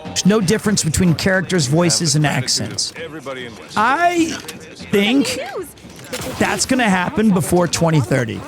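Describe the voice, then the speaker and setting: Playful guy streaming games, high voice that jumps around a lot, bit of music behind. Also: wildly swooping pitch, a little slow, pauses often. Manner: playful, profane, performative. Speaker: streamer and voice actor. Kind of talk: casual game livestream chat.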